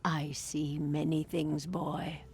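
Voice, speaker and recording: A woman voicing a sly, mystical fortune teller in a video game, with a creaky, theatrical, mysterious delivery. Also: deep voice, little pitch movement, slow pace, a little mellow, faint music behind. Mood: mysterious, coaxing. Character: sly mystical older female fortune teller peddling vague prophecies. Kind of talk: video game character dialogue.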